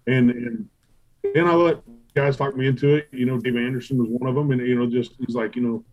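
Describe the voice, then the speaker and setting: A middle-aged man, a barbecue pitmaster telling stories in a casual interview, animated and profane, acting out what he and others said. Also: mid-range voice, brisk, creaky, rough recording. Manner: animated, profane, quotes himself and others in acted asides. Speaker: competition barbecue pitmaster and restaurant owner.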